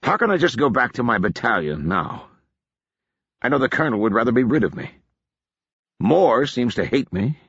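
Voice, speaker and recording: Man doing a wry deadpan army officer, raised husky voice, lively swings in pitch, dry dull audiobook sound. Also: normal speed, long pauses, no echo, full character voice. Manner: deadpan, ironic. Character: wry lanky male soldier officer, dry humor.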